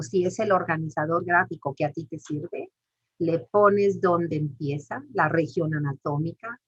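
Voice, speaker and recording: Husky, low-pitched woman lecturing; she explains step by step and quizzes the class. Dull recording. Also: a bit bright. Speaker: teacher. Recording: muffled lo-fi recording.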